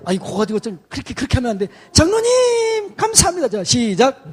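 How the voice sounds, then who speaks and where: A middle-aged man, a senior pastor, gives a chatty, lively sermon to church staff and acts out greetings in quoted voices. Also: high-pitched, very fast. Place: church sanctuary.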